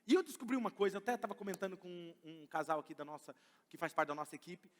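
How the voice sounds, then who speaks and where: A pastor in his thirties preaching a conversational, animated sermon in a church, moving between loud emphatic lines and quiet asides. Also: sits high, very fast. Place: church sanctuary. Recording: church hall reverb.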